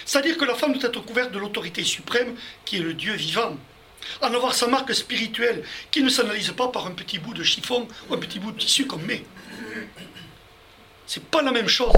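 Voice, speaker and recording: A high-pitched man with a sharp tone teaches a group Bible study, explaining verses step by step and speaking straight to his listeners, against slight background noise.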